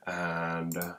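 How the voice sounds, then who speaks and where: Sick with a cold, a young Finnish-accented man with a low, slightly bright voice narrates his own card game match in casual gameplay commentary, pausing often, restarting sentences and clearing his throat.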